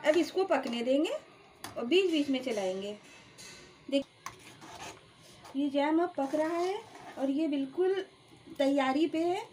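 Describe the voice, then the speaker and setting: A woman's voice: high-pitched, animated, takes it slowly, long pauses, darkish tone, slight background noise. A woman hosting a cooking channel, explaining each step of a home recipe plainly and calling her viewers friends. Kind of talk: step-by-step cooking demonstration voice-over. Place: home kitchen.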